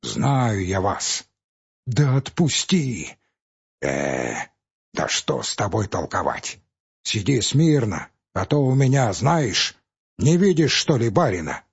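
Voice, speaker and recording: Man playing a curt commanding forest warden, husky low voice, slow, dull recording. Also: sing-song, full character voice. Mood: gruff. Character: stern gruff forest warden, grown man. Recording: dull audiobook recording with faint music.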